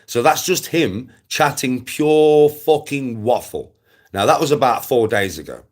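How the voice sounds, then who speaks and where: This live streamer is an Englishman in his forties whose medium-pitched voice moves at a measured pace. His casual livestream rant is blunt and full of swearing, and he keeps repeating points to hammer them in.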